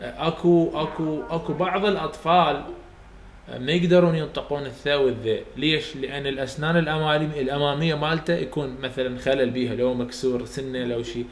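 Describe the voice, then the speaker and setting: A man's voice: on the high side, steady tone, fast, reverberant. A man with an Iraqi Arabic accent teaching English phonetics, explaining step by step and repeating sounds aloud for students to copy. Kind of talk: recorded lecture for students.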